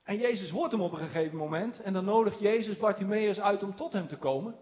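High-voiced male preacher, lo-fi sound. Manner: slows down on key words for emphasis, with small chuckles. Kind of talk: sermon. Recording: dull lo-fi recording.

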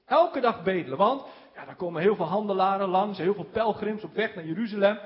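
A man preaching a sermon, slowing down on key words for emphasis and chuckling now and then. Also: high voice. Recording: dull lo-fi recording.

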